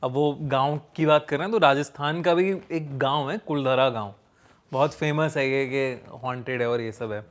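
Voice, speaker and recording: A man casually telling a ghost story, pausing with fillers as he builds suspense. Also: mid-range voice. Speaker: storyteller guest.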